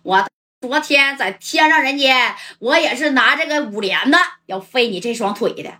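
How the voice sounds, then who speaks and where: A woman's voice: high-pitched, expressive, moderate pace, bright, forceful tone. A woman voicing a ruthless male gang boss, taunting and threatening.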